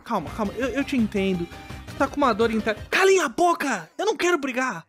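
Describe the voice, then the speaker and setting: High, lively, excitable gamer woman. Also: fast talker, over music. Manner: excitable and playful, talks to game characters. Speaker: gaming YouTuber. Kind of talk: casual gameplay commentary.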